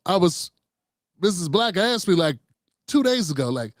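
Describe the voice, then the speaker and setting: A man's voice: high voice, sing-song, normal speed, dry recording, studio quality. A man hosting his own commentary show, talking loosely and profanely, rambling and calling his viewers "fam". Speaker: host. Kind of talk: casual political commentary monologue.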